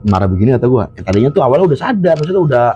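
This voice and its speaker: The audio is dull, but the man's mid-range voice moves rapid-fire. A storyteller guest from Jakarta, he tells a true horror story in casual chat, lively and laughing often as he acts out the quotes.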